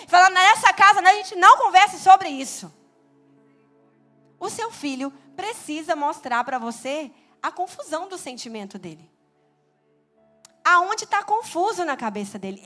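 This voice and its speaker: Brazilian woman, preacher, high voice, lively sermon delivery, faint music behind. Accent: Brazilian Portuguese. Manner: animated, acts out little quoted voices. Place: church sanctuary.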